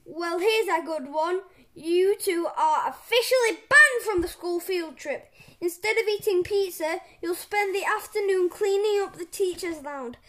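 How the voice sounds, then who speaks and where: A woman voicing a grumpy, strict male school principal in a children's story, loud and sarcastic. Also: very high voice, measured pace, voice pushed up.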